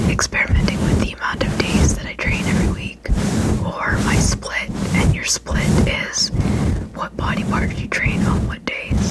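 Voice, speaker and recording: A person whispering quickly in an informal ASMR ramble close to the microphone, often repeating and rephrasing phrases. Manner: fast, unvoiced whispering. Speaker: video creator and host.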